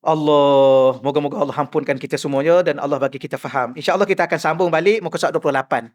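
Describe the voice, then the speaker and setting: A man's voice: on the high side, quick pace. A middle-aged man giving a mosque lecture, asking the audience rhetorical questions and acting out the people he quotes. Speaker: religious teacher.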